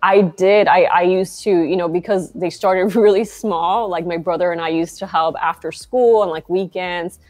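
Her voice on the low side and a little mellow, a young Argentine founder talks at a moderate pace with fairly even intonation and few pauses. She's a video-call guest in a bright shop interior, chatting casually and leaning on plenty of fillers.

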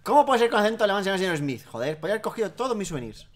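Man reads a suspicious, pompous scholar-keeper of a game temple, high-pitched. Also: big pitch swings, racing. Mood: haughty. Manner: reads game dialogue aloud half-acted.

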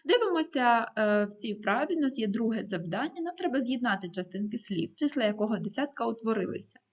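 Lively-voiced woman teaching a lesson. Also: a little high, brisk, highs cut off. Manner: clear, patient, instructive, reads aloud with stress on each number. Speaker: primary school teacher. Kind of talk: recorded video lesson.

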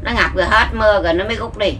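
A woman's voice: medium pitch, very fast, a bit bright, a little hiss or hum. A woman in her seventies with a Southern Vietnamese accent, giving short, plain answers in a casual interview at her makeshift home. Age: 70s. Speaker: lottery ticket seller.

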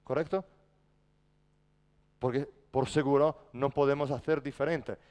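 A man's voice: medium pitch, steady tone, measured pace, a little mellow. Man coaching in an echoey gym. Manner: barks short commands, then explains patiently. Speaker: basketball coach. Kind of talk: coaching a practice on court. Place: large indoor gym.

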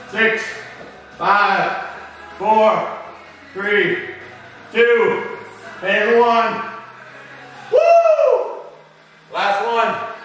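A man's voice: high voice, pushed and bright. A middle-aged man coaching a workout as he exercises, giving rallying pep-talk cheers in short urging commands, recorded in a home gym. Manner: exerting himself while talking. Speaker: fitness coach. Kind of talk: live workout instruction with counting. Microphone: camera several metres away. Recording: very echoey room, far from mic.

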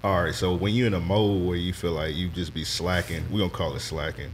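A man's voice: deep voice, fairly even intonation, a little fast, a little hiss or hum. A man, co-hosting a podcast with joking, slangy banter. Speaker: podcast co-host. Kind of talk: casual podcast interview.

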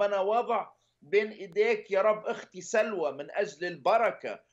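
High-voiced man in earnest prayer. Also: dull audio. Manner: earnest, pleading, repetitive petitions. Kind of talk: intercessory prayer.

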